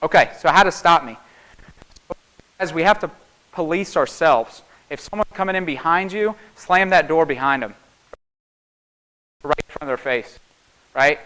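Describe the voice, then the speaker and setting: A man's voice: fairly high pitch, moderate pace, long pauses, bright, forceful tone, low-quality recording. A man with a Southern Appalachian American accent gives an informal conference talk in a folksy, conversational way, often checking in with "right?" and "okay?". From small town in North Carolina, United States. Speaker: conference speaker, security penetration tester. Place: live talk before an audience.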